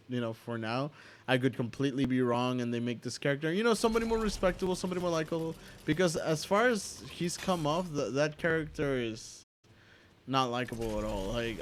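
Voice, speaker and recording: A young American man hosts a casual opinion rant, profane and rambling, full of restarts and filler asides. His voice sits at a medium pitch, with slight background noise in the recording.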